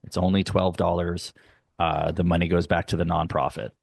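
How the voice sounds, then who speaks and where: Deep gravelly-voiced man, earnest. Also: level tone, no echo, clean studio sound. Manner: earnest, explanatory, sometimes slow and emphatic. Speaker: guest, youth arts nonprofit leader. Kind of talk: conversational interview. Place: home, dog barking nearby.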